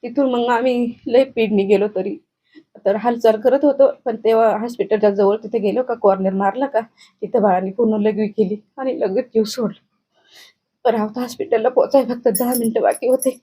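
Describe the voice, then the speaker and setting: A woman's voice: on the high side, steady tone, moderate pace, dark tone. A middle-aged woman, giving a grieving, urgent account in a news interview. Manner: grieving, urgent, recounting in detail. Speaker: bereaved grandmother interviewed.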